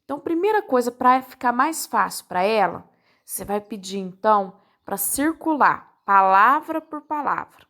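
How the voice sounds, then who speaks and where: A woman's voice: a little high, expressive, moderate pace, sharp tone. A woman teacher with a Brazilian accent, patiently walking parents through a worksheet step by step and checking in often. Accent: Brazilian Portuguese. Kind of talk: recorded lesson for parents.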